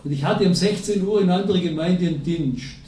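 A man's voice: high voice, fast talker, dark tone. A man preaching a sermon, telling stories in an emphatic, conversational way. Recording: echoey hall, distant from the mic.

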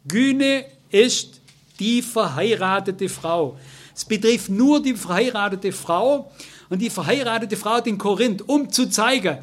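An older man with a Swabian accent preaching a sermon, talking emotionally and turning to his listeners again and again. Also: sits high. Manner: emotional, addresses listeners directly, repeats "you know".

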